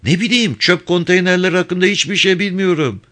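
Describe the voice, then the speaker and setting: A man reading aloud voices a flustered young male shop clerk who answers in a panicky, high voice. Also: fairly quick, sharp tone. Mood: panicked.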